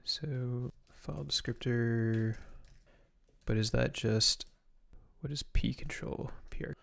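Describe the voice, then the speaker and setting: A man's voice: medium pitch, fairly even intonation, takes it slowly, gravelly, fairly bright tone. A young man from Canada, live-streaming a reverse-engineering session, thinking aloud casually and answering chat. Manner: casual, muttering to himself, reading chat questions.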